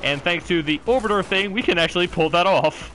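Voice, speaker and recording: A man's voice: high-pitched, huge pitch swings, moderate pace, noisy background. A young man hosting a gaming stream, rambling casually and laughing often. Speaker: gaming channel host. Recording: game sounds loud behind.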